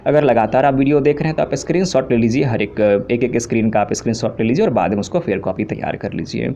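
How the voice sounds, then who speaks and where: Male tutor, warm low-toned voice, steady list-like lecture, dull lo-fi recording. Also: quick pace. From India. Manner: lists terms steadily, explains in simple asides. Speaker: English teacher. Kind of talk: classroom lecture. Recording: dull lo-fi recording with faint hiss.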